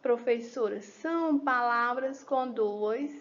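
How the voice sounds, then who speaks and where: Slow, patient woman teacher, higher voice. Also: lo-fi sound. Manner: slow, patient, asks and answers own questions. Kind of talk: children's lesson explanation.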